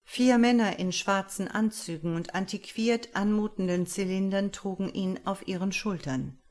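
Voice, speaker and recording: A woman narrating an audiobook in a measured, expressive storytelling manner. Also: medium pitch.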